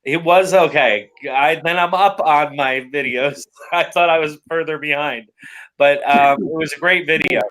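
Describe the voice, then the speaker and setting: A man's voice: fairly high pitch, steady tone, moderate pace, fairly bright tone, poor audio. A man chatting casually on a live show in a teasing, talkative manner.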